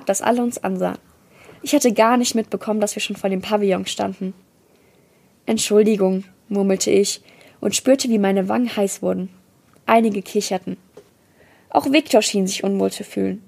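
Husky woman reading a children's novel aloud. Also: darkish tone. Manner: switches into livelier, higher voices for quoted dialogue. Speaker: reader of a book excerpt.

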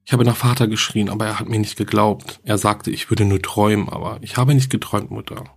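A man reading the diary entries of a lonely, grieving young girl in a quiet, earnest way, as horror narration. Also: fairly low pitch, fairly even intonation, fast, gravelly, husky. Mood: frightened.

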